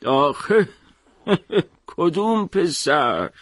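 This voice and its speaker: A man voicing a gentle, patient old man in an audiobook, speaking slowly and softly. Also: on the high side, husky, dry recording, studio quality, voice pushed up, exaggerated voice. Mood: calm, puzzled. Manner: slow, soft, calm. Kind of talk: audiobook character voice.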